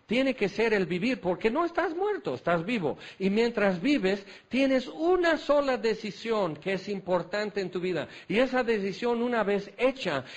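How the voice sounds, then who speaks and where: High-voiced preacher. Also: male voice, expressive, normal speed, hardly any pauses. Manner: rhetorical, repetitive questioning; folksy, self-deprecating humor. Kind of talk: sermon.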